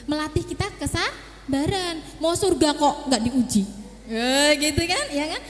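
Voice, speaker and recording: Echoey hall reverb surrounds a high, expressive, unhurried female voice. She is a middle-aged child psychologist coaching parents in a seminar and acting out small scenes between a mother and her child.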